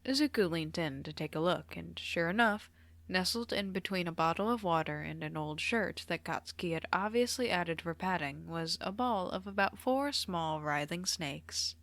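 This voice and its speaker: Low-voiced woman reading a story. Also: expressive, moderate pace, gravelly, fairly bright tone. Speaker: podfic reader. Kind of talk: storybook narration.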